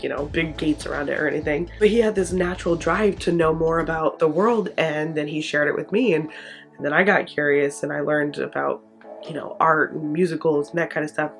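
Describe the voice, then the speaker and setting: A young woman from Michigan, hosting her channel in an earnest, encouraging way, often restarting her sentences. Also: low-pitched. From Michigan, USA. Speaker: channel host. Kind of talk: heartfelt personal vlog talk.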